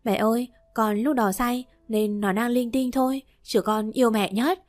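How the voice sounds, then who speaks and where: A woman's voice: on the high side, steady tone, moderate pace, darkish tone, lightly acted. A woman voicing a tearful, two-faced young woman who pleads and denies, read in a storybook manner with light music behind. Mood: pleading. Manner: pleading and defensive.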